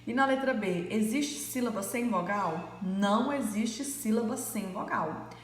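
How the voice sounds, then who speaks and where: A woman's voice: fairly high pitch, a little slow, a little hiss or hum. A woman primary school teacher, patiently going over answers in a recorded lesson with frequent fillers. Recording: echoey room with long reverb.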